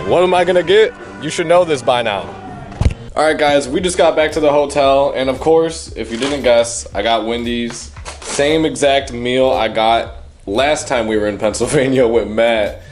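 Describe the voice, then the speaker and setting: A young man in his twenties talking casually to a handheld camera at arm's length as a vlogger, relaxed and rambling, in his car and around an event hall. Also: mid-range voice, measured pace, music in the background. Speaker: vlogger and vintage clothing seller. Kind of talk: casual vlog talk to camera.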